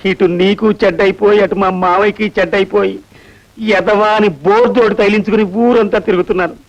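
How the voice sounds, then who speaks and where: A man's voice: sits high, fairly even intonation, a little fast. An actor playing a henpecked young man who whines in comic self-pity. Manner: whining, self-pitying comic pleading. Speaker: film actor. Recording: dull film soundtrack with music.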